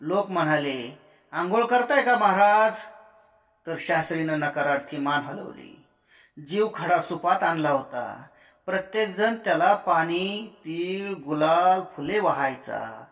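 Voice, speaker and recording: A man narrating a village story in a plain, measured storytelling manner, recorded in a roomy space. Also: fairly high pitch, animated, a bit bright. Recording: roomy echo.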